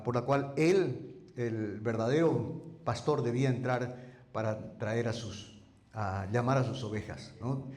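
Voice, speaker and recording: A man's voice: mid-range voice, a little mellow, reverberant. A male pastor preaching a sermon in a conversational way, often asking his listeners to confirm with rhetorical questions. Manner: voice teacher, careful about vocal timbre. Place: church hall.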